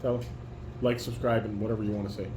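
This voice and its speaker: Speaking fast in a fairly low voice with little pitch movement, this man leads a family table read. He reads the stage directions and offers casual, corrective instructions, recorded in an echoey room with noticeable background noise.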